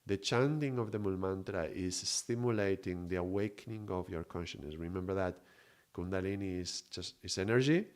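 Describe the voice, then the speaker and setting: Male teacher, lowish voice, calm and reflective, talks to live viewers. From Mallorca, Spain. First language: Spanish. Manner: reflective, unhurried, greets viewers by name. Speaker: spiritual teacher streaming live. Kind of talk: live-stream spiritual teaching.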